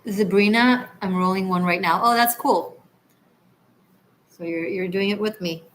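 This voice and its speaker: This Israeli woman, a livestream host and tarot reader, responds to viewers' comments in an easy, chatty way, unhurried and medium-pitched. She restarts often and drifts into soft, trailing asides, while a bit of hiss or hum sits in the background.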